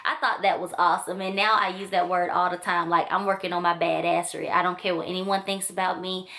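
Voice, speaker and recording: A woman's voice: fairly low pitch, level tone, fast, vocal fry, pushed and bright. A woman chatting casually and enthusiastically to her camera as she reviews a book, with loose filler-heavy talk. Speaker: book vlogger. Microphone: camera mic.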